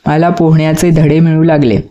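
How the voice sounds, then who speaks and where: Mellow storybook narrator, dull sound. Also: medium pitch, normal speed. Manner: steady reading with acted dialogue.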